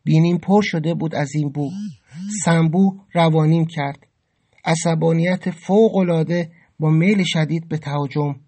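A man's voice: on the high side, fairly even intonation, a little mellow. Emotive male first-person storyteller. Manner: emotive, dramatic, rising with anger. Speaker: narrator.

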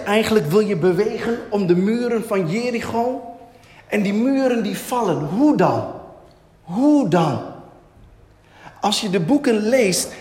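A man preaching a sermon, asking and answering his own questions in a lively way. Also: high voice. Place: church hall. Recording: echoey hall, long reverb.

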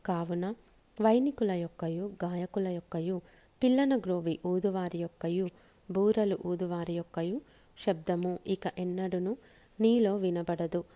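A woman reading scripture aloud in measured, solemn phrases with short pauses. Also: on the low side, mellow. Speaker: scripture reader.

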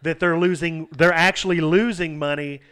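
A man with a somewhat high, clean, smooth voice argues his side in a casual podcast conversation. He makes his case by asking pointed rhetorical questions. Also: fairly even intonation, normal speed, fairly bright tone. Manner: argumentative, poses rhetorical questions. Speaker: podcast co-host. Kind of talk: casual political chat.

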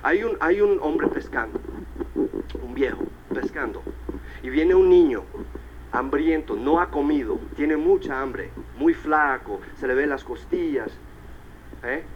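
Animated man on stage, slightly high voice. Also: dull audio, slight background noise. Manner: animated storyteller, peppers Spanish with English tags like "right?" and "all right". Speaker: motivational speaker at a business convention. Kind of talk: live motivational speech to an audience.

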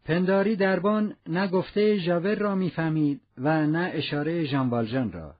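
A man reading a novel aloud as narrator, in a measured storytelling manner. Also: a little high. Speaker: audiobook narrator. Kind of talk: scripted narration. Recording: muffled lo-fi recording.

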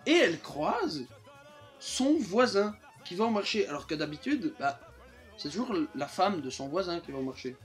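Young male co-host, high voice, animated and giggly, faint music behind. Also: moderate pace. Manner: animated storyteller, laughs often. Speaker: podcast co-host. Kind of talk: casual chat.

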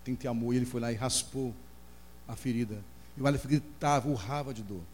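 A middle-aged Brazilian man preaching a sermon as pastor, telling an emotional story and crying out in high voices as he acts out the people in it. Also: brisk, darkish tone. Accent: Brazilian Portuguese. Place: church hall. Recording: long hall reverb, faint hum.

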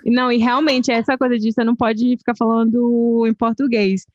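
A woman hosting a casual chat, talking in a relaxed, chatty way. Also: a little high, a little fast, no echo. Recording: dull lo-fi dry sound.

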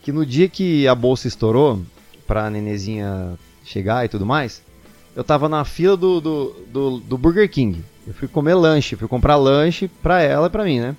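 A man's voice: medium pitch, moderate pace, lo-fi sound, faint music behind. A young man, a singer telling a personal story casually and animatedly, acting out what people said. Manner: animated, quotes people in excited voices.

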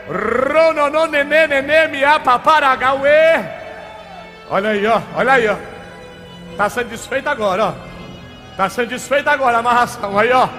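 A male pastor with a Brazilian Portuguese accent, leading a deliverance prayer at a church service, moving between rapid hushed speech, shouted commands and bursts of speaking in tongues. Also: extremely high pitch. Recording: reverberant hall with faint background music.

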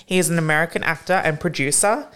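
A woman's voice: low-pitched, quick pace, a bit bright, clean tone. A woman co-hosting a casual chat, easygoing and self-deprecating, laughing often. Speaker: co-host.

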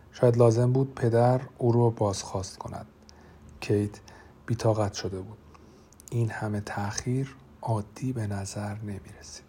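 A man narrating an audiobook in a measured, dramatic storytelling manner. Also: on the low side, warm tone, husky.

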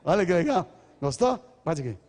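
An older man gives an earnest parenting lecture to a big crowd, now and then acting out what parents and children say to each other. His voice sits a bit high but sounds mellow and dark. A long reverb trails after his words in the hall. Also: very animated, fairly quick. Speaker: speaker on parenting. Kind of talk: lecture to a large audience.

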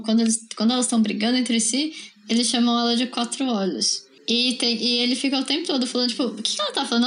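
A woman in a casual film discussion, relaxed, with laughing asides and many fillers. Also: on the high side, a little hiss or hum.

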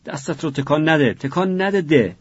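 Casting: a stern, anguished father, husky and raised in pitch, put on by a male narrator, storybook reading. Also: animated, no room sound, muffled recording. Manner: pleading, anguished repeated commands. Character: grieving stern working-class father, middle-aged.

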